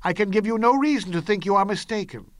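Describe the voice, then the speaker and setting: A man's voice: high voice, animated, fast, no echo. A cold tyrant king of classical tragedy, acted by a man, speaks grimly and dismissively in a dry recording. He commands with stern impatience. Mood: grim menace. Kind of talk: classical Greek tragedy audio performance.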